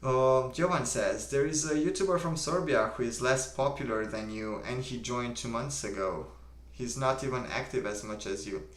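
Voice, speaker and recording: A young man with a Romanian accent hosts a casual live stream. He reads viewer comments aloud and answers them in a calm, unhurried way, at a middle pitch. His voice carries a noticeable roomy echo. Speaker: livestream host.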